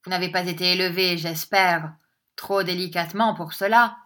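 A woman's voice: fairly low pitch, steady tone, moderate pace, a bit bright, close to an everyday voice. Curt scornful old miser, read by a woman. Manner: curt and impatient.

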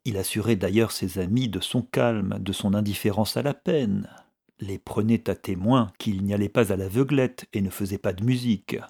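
A man reading a novel aloud as narrator, measured and steady. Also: on the low side, vocal fry, slightly rough.

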